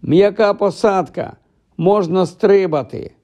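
A man's voice: high voice, slow, warm tone, pitched above the performer's own voice. A man voicing a brave young schoolboy in an audiobook, talking urgently and directly.

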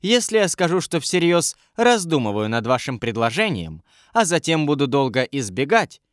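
A curious, commanding young queen in an audiobook, her voice lifted a little above a man's usual speech, as a male narrator puts her on. She sounds lively and dry, close to the mic. Her tone shifts easily between teasing and thoughtful. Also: a little high, normal speed, no echo. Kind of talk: audiobook character reading.

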